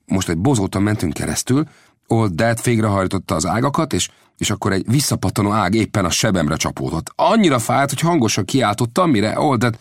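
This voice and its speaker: A man's voice: fairly low pitch, animated, no room sound, clean studio sound, pitched above the performer's own voice. A man voicing an eager, stammering young man in an audiobook. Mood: eager excited. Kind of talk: audiobook character voice.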